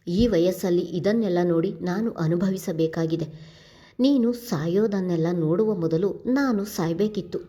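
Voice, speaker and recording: Tearful grieving mother of grown sons, pleading, as a woman narrator reads her; low, mellow tone. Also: breathy edge. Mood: anguished. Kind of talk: storybook reading.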